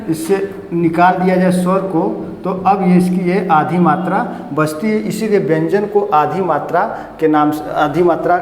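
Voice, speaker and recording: A male teacher faint explains a grammar lesson step by step and often puts questions to his students. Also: high voice. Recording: echoey room with faint noise.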